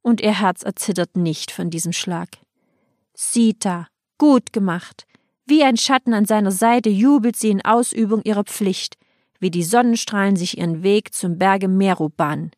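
A woman narrating an old epic as an audiobook in a solemn, measured storytelling manner. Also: mid-range voice, a little mellow, no room sound, clean studio sound.

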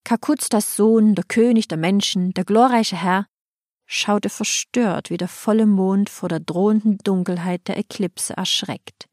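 Woman narrator, measured epic audiobook read, dry close sound. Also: mid-range voice, steady tone, a little mellow, no echo. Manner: solemn, measured storytelling.

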